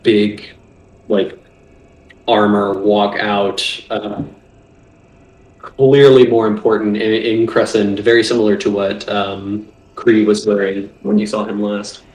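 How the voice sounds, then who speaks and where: A man with a lowish voice runs a tabletop game as game master. He improvises the narration, pausing as he thinks aloud, and the room echoes around him. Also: level tone, a little mellow. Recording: roomy, echoing voice pickup.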